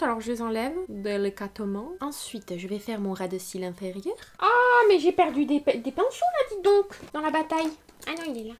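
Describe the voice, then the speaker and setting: A woman giving a casual, chatty makeup tutorial, talking to the viewer as she works and grumbling at small mishaps. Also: high voice. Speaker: makeup vlogger.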